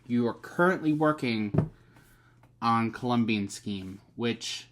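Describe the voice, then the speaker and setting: Man in a casual vlog, a novelist addressing his future self; soft, rambling, filler-heavy, average pitch. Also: takes it slowly, background noise. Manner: rambling, soft-spoken, many fillers and restarts.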